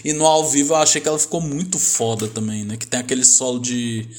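A man's voice: medium pitch, flat delivery, quick pace, slight background noise. A man co-hosting a casual album-review chat, rambling and enthusiastic with lots of slang fillers. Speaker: podcast co-host reviewing an album.

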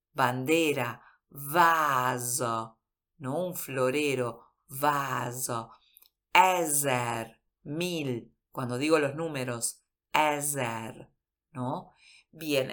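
A woman teaching Hungarian pronunciation on a radio show, patiently repeating words and checking with the listener. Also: low-pitched. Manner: patient, repeats words slowly, asks "¿no?" often. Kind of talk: radio language lesson.

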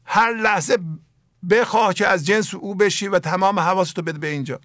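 A middle-aged man with an Iranian Persian accent, slowly reciting mystical poetry and explaining it in a plain sermon. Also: sits high, steady tone, a bit bright, no echo, clean studio sound. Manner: slow, emphatic recitation of verses then plain explanation. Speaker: spiritual teacher.

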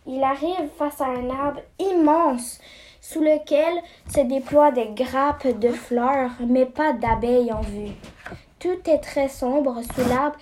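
A woman reading a children's story aloud, slow and halting, stumbling and restarting words. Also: high voice, a little mellow, slight background noise. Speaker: story reader.

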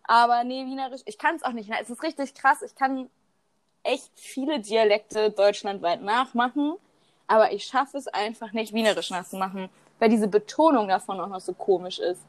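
Lively young woman, dry close sound. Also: a little high, normal speed, dry recording. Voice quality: animated, laughs often, swears casually. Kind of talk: casual chat.

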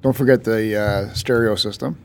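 A man's voice: on the low side, fairly even intonation, moderate pace, creaky. Chill guy hosting a podcast, jokey and loose, drops the odd swear. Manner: loose, joking, swears casually. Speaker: podcast host. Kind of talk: casual chat.

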